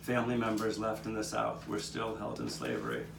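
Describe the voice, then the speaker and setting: Narrating a puppet show live in an outdoor courtyard, a man plays a 19th-century Philadelphian earnestly recalling his neighbors' struggles in scripted first-person storytelling. His fairly low, creaky voice swings widely in pitch, moves fairly quickly and sometimes stumbles over the script. The recording is roomy, with a distant mic and noticeable background noise.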